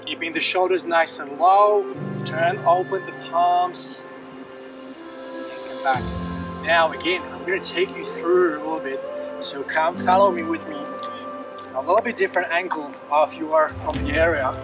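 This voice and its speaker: Outdoors on a breezy headland by the sea, a male coach with a high voice talks people through stretches at a normal speed. He stays calm and encouraging and repeats words often. The far camera captures distant audio with music.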